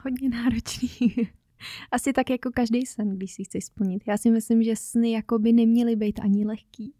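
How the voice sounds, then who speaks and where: A woman's voice: a little high, fairly even intonation, dark tone, dry recording, studio quality. A woman from northern Bohemia, a travel content creator, chatting animatedly as a podcast guest and laughing often. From northern Bohemia, Czechia. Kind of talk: casual podcast chat.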